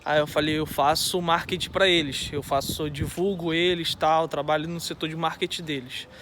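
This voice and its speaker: A Brazilian man telling a story in a casual, animated way, acting out both sides of a conversation. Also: fairly high pitch, normal speed, a little hiss or hum. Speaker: vlogger.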